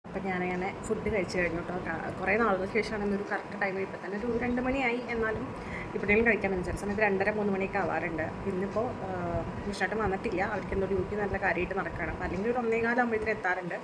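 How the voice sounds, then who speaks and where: A young mother from Kerala chats quickly through her day in a casual home vlog and keeps tagging her sentences. She sounds like she is recorded on a phone in her bedroom. A clear hum of room ambience runs under her voice. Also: mid-range voice. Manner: chatty, often adds "you know" tags. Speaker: vlogger and mother of a baby. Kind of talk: casual daily-life vlog.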